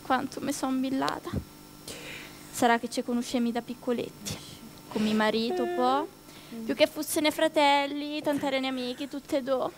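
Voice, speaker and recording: A woman's voice: high voice, steady tone, moderate pace, a crowd in the background. A woman acting a weary, lamenting village wife in a stage comedy, speaking Italian dialect from the Marche. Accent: Marche dialect, Italy. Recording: noisy theatre stage recording.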